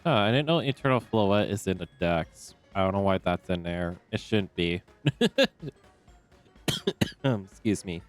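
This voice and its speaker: A young man in a relaxed, rambling style, commenting casually as he streams a game and talking to himself with many fillers. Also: low voice, measured pace, soft background music.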